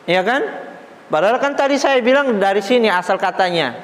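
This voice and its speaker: High-voiced man teaching in a reverberant hall. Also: animated, moderate pace, fairly bright tone. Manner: patient, reassuring, with light joking asides; explains step by step while writing on a board. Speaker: Islamic religious teacher. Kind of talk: Islamic study class teaching Arabic grammar.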